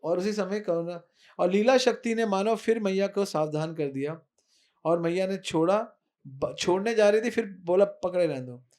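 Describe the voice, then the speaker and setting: A man's voice: sits high, moderate pace, a little mellow. A man telling a devotional story, chanting verses and explaining them line by line.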